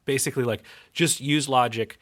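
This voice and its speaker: A man's voice: medium pitch, fairly even intonation, normal speed, fairly bright tone. A man co-hosting a music podcast, chatting loosely in a rambling way that keeps breaking off and restarting. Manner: rambling, self-interrupting, laughs often. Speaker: podcast co-host and guitar teacher. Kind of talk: casual chat about music. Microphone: studio mic, recorded in home studio software.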